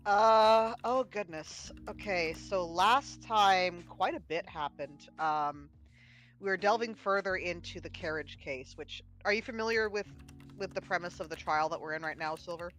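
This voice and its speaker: Woman streamer host, casual chat, slow and bright, playful and giggly. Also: on the low side, soft background music, low-quality recording.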